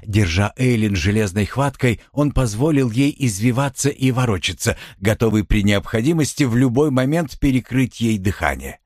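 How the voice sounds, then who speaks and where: A man reading a novel aloud as narrator, in a dramatic, expressive manner. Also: mid-range voice, normal speed, hardly any pauses, no room sound, clean studio sound. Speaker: audiobook narrator. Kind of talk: scripted narration.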